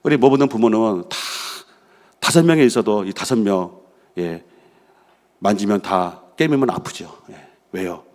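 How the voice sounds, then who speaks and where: Middle-aged male senior pastor, slightly low voice, sermon delivery with call-and-response questions to the congregation. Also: expressive, a little slow, pauses often, a little mellow. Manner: engages the congregation with frequent questions and affirming "yes"; reads scripture aloud, then expounds with personal stories.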